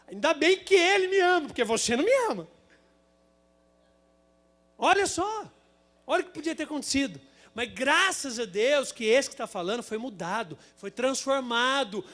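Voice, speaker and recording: A Brazilian man preaches with a strikingly high voice for a man. He builds his sermon around a lively, comic personal story. His delivery is animated and dramatic. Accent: Brazilian Portuguese. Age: adult, married with a son.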